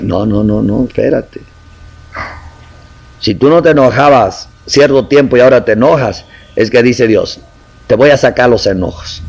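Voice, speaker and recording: A man's voice: medium pitch, low-quality recording. A man preaching a sermon in a conversational way, acting out little quotes and asking the congregation questions.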